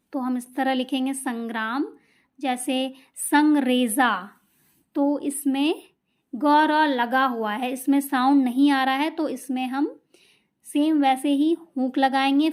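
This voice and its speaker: High-voiced woman teaching slowly. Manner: patient, repetitive explaining with examples. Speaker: shorthand teacher. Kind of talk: step-by-step lesson explanation.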